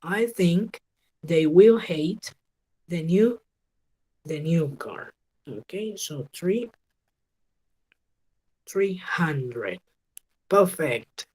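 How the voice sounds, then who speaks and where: A woman teaching an English class over a video call. She models each phrase slowly and keeps checking with her students. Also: on the low side, expressive, a little mellow, breathy edge. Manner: patient, slow model pronunciation with frequent check questions. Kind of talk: online class instruction.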